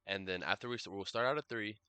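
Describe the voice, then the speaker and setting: Streaming a game, a man keeps up loose, hesitant commentary, correcting himself often, using many fillers, and sometimes coughing or clearing his throat. He speaks at a quick pace with a fairly low pitch and a sharp tone, and the recording has no room sound.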